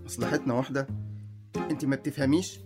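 A man's voice: mid-range voice, fairly even intonation, fast talker, music in the background, natural voice. An Egyptian-accented actor playing a withdrawn, irritable young man. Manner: irritable, mocking.

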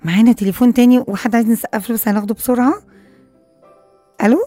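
A woman with an Egyptian Arabic accent hosting a radio show, brisk, playful and chatty. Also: fairly high pitch, steady tone, warm tone, faint music behind. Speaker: radio host. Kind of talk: upbeat radio presenting. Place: radio studio.

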